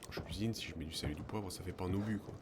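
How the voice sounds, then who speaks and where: A man's voice: low-pitched, rapid-fire. A man giving casual, rambling and wryly sarcastic let's play commentary, often muttering. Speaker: let's play video game streamer. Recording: clearly audible game noise behind voice. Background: video game sound.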